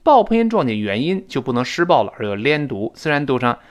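A man teaching English in a recorded lesson, explaining phrases and drilling pronunciation, speaking. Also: mid-range voice. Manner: lively, repeats and drills phrases slowly.

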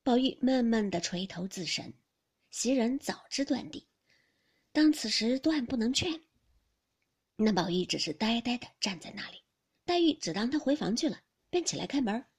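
A woman narrates a classic novel in an expressive storytelling reading. Her breathy voice is fairly high and very lively in pitch. She often drops to a soft, near-whispered delivery. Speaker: audiobook narrator.

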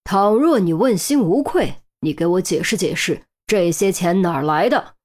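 A woman's voice: lowish voice, normal speed, close to an everyday voice. Woman voicing a shrewd male section chief. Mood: stern. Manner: sharp scolding, then teasing banter. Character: stern male section chief, scheming and wry.

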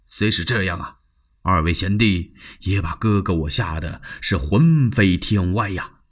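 A male storyteller voicing a cautious, worried eldest sworn brother who hushes and placates his younger brothers. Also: low voice, animated, a little slow. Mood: anxious.

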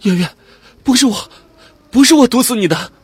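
A man's voice: very high-pitched, lively intonation, normal speed, slightly rough, no echo, pitched above the performer's own voice, exaggerated voice. A man voicing a desperate young woman prisoner. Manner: pleading, panicked. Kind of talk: audiobook character voice.

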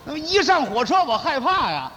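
A male crosstalk comedian teases his partner with mock innocence. His voice is high and lively. The stage recording carries long reverb and faint noise. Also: fairly quick. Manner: playful, feigns naive curiosity, exclaims.

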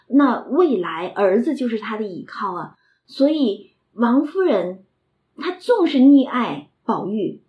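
A woman talks through a classic novel, chatty and full of rhetorical asides. Her voice sits a little high. The recording sounds slightly dull and lo-fi. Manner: chatty, conversational, with rhetorical asides and soft laughs. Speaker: literature lecturer. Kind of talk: explaining a classic novel chapter.

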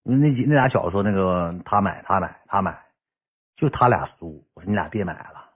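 Northeastern guy telling a story, husky voice, slangy and lively. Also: deep voice, moderate pace. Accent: Northeastern Mandarin. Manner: colloquial, lively, swears now and then. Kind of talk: casual spoken storytelling.

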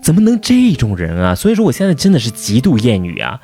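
A man's voice: mid-range voice, wildly swooping pitch, quick pace, warm tone, faint music behind. A man telling a long, profane, angry story about his workplace. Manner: profane, heated, rising to outbursts. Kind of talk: casual angry rant.

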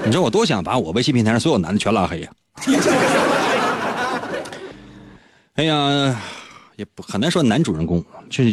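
A male radio host, telling a story on air in a playful, teasing way and often leaping into a high, excited pitch. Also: noisy background. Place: radio studio.

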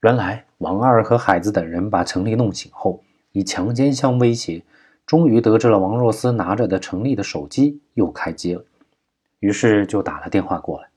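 A man narrating a crime novel audiobook at a steady, measured pace. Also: on the low side, slightly rough.

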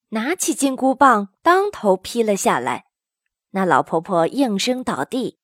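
A woman narrating a children's story in slow, expressive storytelling. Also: a little high, no room sound, studio quality.

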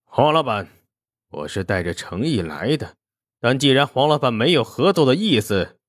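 A man voicing a proud young male gangster who speaks in a cold, measured way, in an audio story. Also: medium pitch, big pitch swings, dry recording, clean studio sound.

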